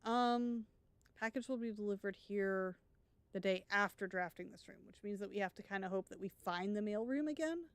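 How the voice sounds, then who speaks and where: Woman streamer, smooth voice, dry close sound, chatty live gameplay commentary, thinks aloud. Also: mid-range voice, normal speed, no room sound. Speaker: let's play streamer.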